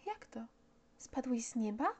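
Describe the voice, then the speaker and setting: A woman's voice: on the high side, very animated, measured pace, exaggerated voice. A woman doing a small curious boy prince. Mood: astonished. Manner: wondering, innocent questions.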